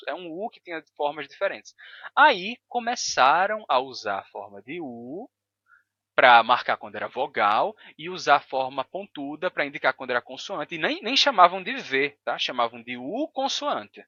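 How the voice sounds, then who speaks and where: A man with a Brazilian Portuguese accent explaining language in a video lesson. He talks in a didactic way and repeats sounds slowly to demonstrate them. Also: on the high side, sharp tone, no echo, lo-fi sound. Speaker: language educator.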